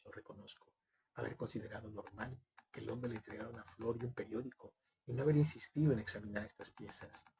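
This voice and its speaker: A man reads a story aloud in a low, flat voice with a gravelly creak. His narration is measured and even, with clipped questions. Faint noise and keyboard clicks sit under the recording. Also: rough recording. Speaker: reader of a short story. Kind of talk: literary reading, first-person narration.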